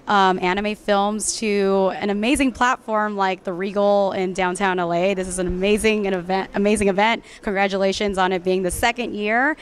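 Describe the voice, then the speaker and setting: A woman who founded a community group, chatting at an event press backdrop. She sounds friendly and a little rushed, with a handheld mic close. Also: mid-range voice. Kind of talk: red carpet interview.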